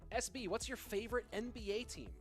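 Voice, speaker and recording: A man's voice: high voice, a little fast, soft background music. A man from California, hosting a live esports stream, chatting with viewers before switching to play-by-play commentary. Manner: chatty, reads viewer questions, then builds into play-by-play. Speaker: esports caster and stream host.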